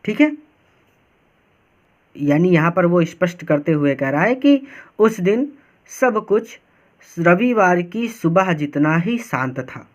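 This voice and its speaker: A man's voice: high voice, big pitch swings, takes it slowly, long pauses. A male teacher giving a lesson, reading English lines and explaining them patiently in Hindi, repeating each point. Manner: patient and repetitive. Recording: dull, lo-fi recording.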